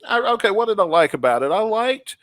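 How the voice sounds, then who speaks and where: A man's voice: high-pitched, sing-song, fast, a bit bright, no echo. Man in casual chat, dry close sound. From Memphis, United States. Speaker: music review co-host.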